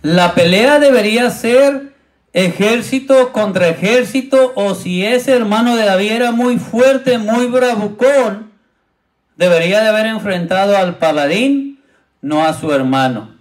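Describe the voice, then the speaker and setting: High-voiced man preaching slowly. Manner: retells a Bible story, acting out the quoted speakers in raised voices; addresses the congregation directly. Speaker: pastor. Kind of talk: sermon.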